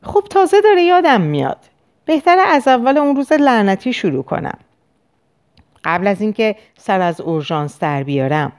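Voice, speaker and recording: A woman voicing an anxious middle-aged male banker patient who recalls events haltingly. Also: mid-range voice, big pitch swings, a little mellow, clean tone. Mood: confiding. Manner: hesitant, halting recollection.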